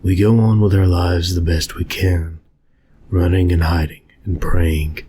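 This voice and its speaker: Low, haunting male horror narrator. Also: fairly even intonation, measured pace, dark tone, a little hiss or hum. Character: haunted, fearful survivor hunted by unseen beings. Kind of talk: scripted first-person scary story narration.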